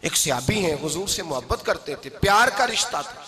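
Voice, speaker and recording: A man preaching an impassioned sermon, swelling into shouts and a sing-song cadence. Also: high voice, animated, moderate pace. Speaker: Islamic preacher. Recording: live gathering with audible crowd.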